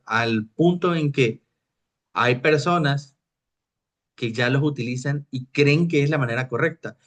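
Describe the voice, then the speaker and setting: Man lecturing on writing. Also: a little high. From Mexico. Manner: explains with examples, often checks with "¿verdad?". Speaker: teacher. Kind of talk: recorded lecture on technical writing.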